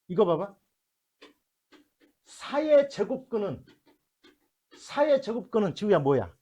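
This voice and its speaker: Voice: medium pitch, sing-song, slow, warm tone, slightly rough. A math teacher lecturing a classroom, working through problems step by step and constantly checking whether the students follow, mixing blunt casual talk with polite endings.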